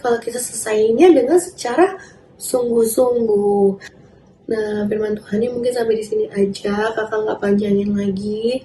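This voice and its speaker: A young woman, a children's church teacher giving a gentle, coaxing children's sermon. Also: on the high side. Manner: gentle, coaxing, talks to kids as "adik-adik". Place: church room. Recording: echoey room with faint background noise.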